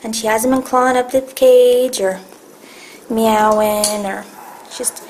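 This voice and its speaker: Woman, shelter volunteer type, casual and affectionate, talks to the cats in baby talk; slightly high voice. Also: steady tone, takes it slowly, darkish tone, a little hiss or hum, poor audio. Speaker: shelter volunteer presenting a cat. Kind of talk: casual talk to a cat on camera. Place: animal shelter room with cages.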